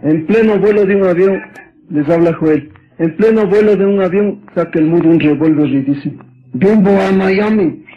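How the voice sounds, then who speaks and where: A man with an Ecuadorian accent telling jokes on the radio with playful storytelling and deadpan punchlines. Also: fairly high pitch, normal speed. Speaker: radio joke teller. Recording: lo-fi old radio recording.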